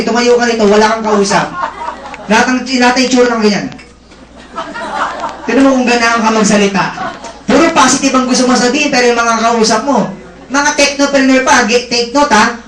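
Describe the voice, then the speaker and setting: A man's voice: very high-pitched, echoey room, background noise. A man giving a motivational seminar talk, teasing the audience and checking in with them often. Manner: lively, teasing crowd work with frequent check-ins. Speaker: seminar presenter. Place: indoor seminar room.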